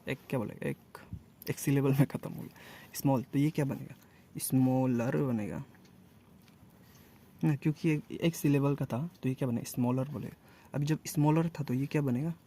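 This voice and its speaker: A man teaching a casual grammar lesson, asking and answering his own questions and repeating words slowly. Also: mid-range voice, mellow.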